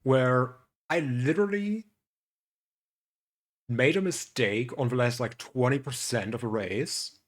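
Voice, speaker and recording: Streaming a racing game, this medium-pitched German man talks slowly, with only a light accent. His easygoing commentary to chat includes greetings and thank-yous. The game's engines and traffic are loud under his speech.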